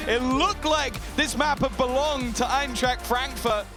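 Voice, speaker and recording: Man, esports caster, emphatic live play-by-play, dramatic phrasing, strikingly high voice, music in background. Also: a little slow. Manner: dramatic, emphatic match calling.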